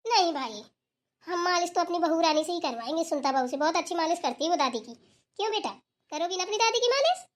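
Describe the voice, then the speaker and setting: A woman voicing a bossy old village grandmother, very high voice. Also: animated, fast talker, a little hiss or hum. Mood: teasing. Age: older. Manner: scolding, then coaxing and teasing. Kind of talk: cartoon voice acting.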